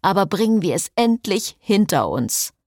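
A woman voicing an impatient man, a groom who scolds and curses loudly in an audiobook. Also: medium pitch, big pitch swings, moderate pace, no room sound, clean studio sound, pitched above the performer's own voice. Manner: scolding, loud.

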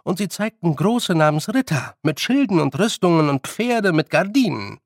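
A man's voice: big pitch swings, dry recording, clean studio sound. A man doing a tiny eager fairy. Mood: rushing. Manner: eager, rushing, high-pitched. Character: very small eager fairy man, naive storyteller.

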